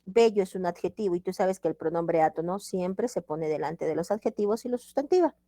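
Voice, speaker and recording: A woman voicing an eager young student who questions the teacher in a high, questioning schoolchild tone. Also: expressive, fairly quick, dark tone, dry recording, clean studio sound, lightly acted.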